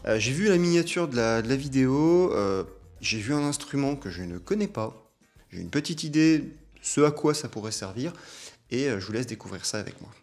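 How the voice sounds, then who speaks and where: A man's voice: mid-range voice, lively intonation, moderate pace, a little mellow, faint music behind. A young adult man, a chiropractor, giving casual reaction commentary on a video, chatty and hesitant with fillers.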